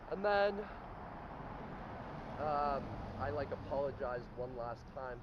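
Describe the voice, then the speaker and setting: A young man tells a rambling story in a loose, profane way, with plenty of filler words. His voice sits at an ordinary pitch. The recording sounds dull and lo-fi, with clear noise behind him. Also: lively intonation, takes it slowly. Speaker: comedian telling a story. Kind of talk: casual storytelling.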